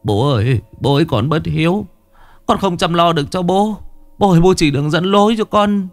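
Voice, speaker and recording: A man's voice: fairly high pitch, lively intonation, moderate pace, no echo, pitched above the performer's own voice. A man voicing a grieving son who sobs and blames himself. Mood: sobbing. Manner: sobbing, self-reproaching. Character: grieving son sobbing to his father's ghost.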